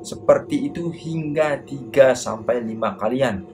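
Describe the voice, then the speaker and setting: A man's voice: mid-range voice, unhurried, a little mellow, soft background music. A man narrating a horror story in a casual, slangy first-person way, over a noisy background.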